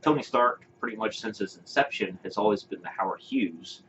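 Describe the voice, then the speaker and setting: A man with a lowish voice co-hosts a casual podcast, rambling opinionatedly with plenty of fillers and restarts. The recording is dull and lo-fi with a faint hiss underneath. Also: fairly quick, a bit bright. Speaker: podcast co-host. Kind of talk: casual chat.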